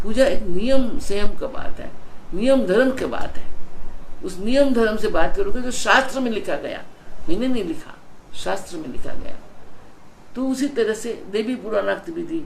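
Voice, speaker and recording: Woman teacher leading breathing practice, gravelly voice, roomy echo, faint noise behind. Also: mid-range voice, a little mellow. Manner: instructive, counts breaths aloud slowly. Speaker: spiritual teacher. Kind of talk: spiritual talk and guided breathing practice.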